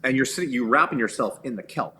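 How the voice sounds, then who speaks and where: Animated storytelling man, guest. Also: medium pitch, fast, slight background noise. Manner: animated storyteller with many fillers and restarts. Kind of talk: casual interview chat.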